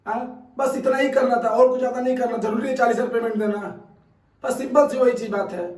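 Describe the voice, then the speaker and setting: This fitness academy coach and channel host chats with viewers, sharing his views emphatically, going over points again and often tossing out a questioning "haan?". His voice is very high and darkish, with fairly even intonation and a slightly quick pace. He's far from the microphone in an echoey room.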